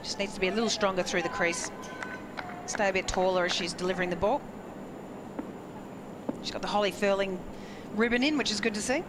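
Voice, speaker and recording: A woman's voice: mid-range voice, a little fast, long pauses. Australian woman analysing cricket amid outdoor noise. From Queensland, Australia. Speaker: expert analyst cricket commentator. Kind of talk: live sports analysis, conversational. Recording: noisy outdoor ground, traffic ambience.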